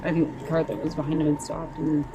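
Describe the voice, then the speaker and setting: A woman being questioned by police, giving a casual account in a halting, hedging way that trails off. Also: sits low, little pitch movement. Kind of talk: casual spoken account to an officer. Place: outdoors at a roadside. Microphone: police body camera worn by another person. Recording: noisy roadside bodycam with vehicle sounds. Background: traffic and outdoor ambience.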